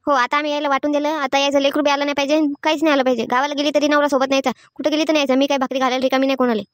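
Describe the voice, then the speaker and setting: A woman voices a quarrelsome village woman in a cartoon comedy, speaking fast and high-pitched in rural Varhadi Marathi. Her manner is blunt, exasperated and scolding, full of complaints, yet her tone stays level and close to an everyday voice. It's animated family comedy dialogue, recorded close and dry with no room sound.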